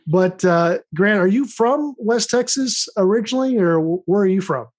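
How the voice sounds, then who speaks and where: High-pitched man hosting a podcast. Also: lively intonation, moderate pace. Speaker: podcast host. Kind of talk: conversational interview hosting.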